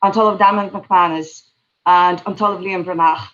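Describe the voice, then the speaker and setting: A woman's voice: fairly low pitch, fairly even intonation, normal speed, fairly bright tone. Gracious woman guest, polite thanks, dull lo-fi video call audio. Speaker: guest reader and singer.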